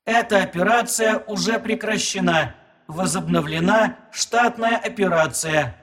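A man voicing a ship's computer, answering in a quiet, mechanical voice with flat, dutiful replies. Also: high voice, measured pace. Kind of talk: audiobook narration.

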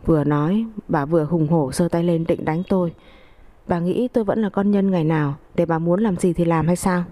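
A woman's voice: on the low side, steady tone, fairly quick, dark tone, dry recording. A young woman narrating a first-person story in an earnest, aggrieved, confessional way.

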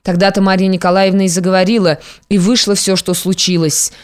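A reader giving a steady, measured narration of classic literary prose. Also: mid-range voice, smooth. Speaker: audiobook narrator.

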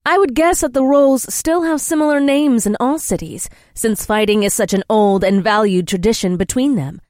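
A man's voice: sits high, moderate pace, a little mellow, dry recording, clean studio sound, voice pushed up, natural voice. A man voicing a young princess who speaks in a formal, earnest way.

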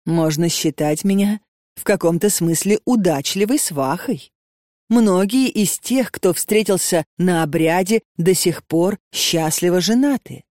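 A woman voicing a calm, persuasive old matchmaker woman who speaks gently and patiently. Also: lowish voice, measured pace, dry recording, clean studio sound, close to an everyday voice. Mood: coaxing.

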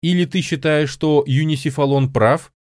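A man's voice: fairly high pitch, fairly even intonation, normal speed, darkish tone, no echo, clean studio sound, voice pushed up, natural voice. A man voicing an urgent, pleading woman. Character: earnest young woman colleague, pleading and insistent. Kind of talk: audiobook reading.

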